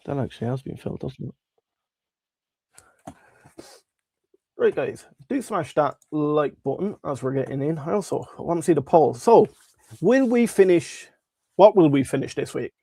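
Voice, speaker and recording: A man hosts a casual market livestream with a thick, congested voice, as if through swollen tonsils and a head cold. There is a gravelly creak in it. He talks informally and directly to viewers, and the sound is dry and close. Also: fairly high pitch, animated, normal speed, long pauses, mellow, no echo. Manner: informal, chatty, addressing viewers. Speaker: livestream host. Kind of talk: casual live stock market commentary.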